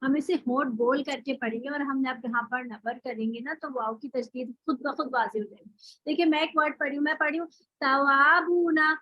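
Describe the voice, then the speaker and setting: A woman's voice: high-pitched, steady tone, normal speed, dry recording, muffled recording. A woman teaching Quran recitation in an online class, explaining rules step by step with rhetorical questions and spoken examples.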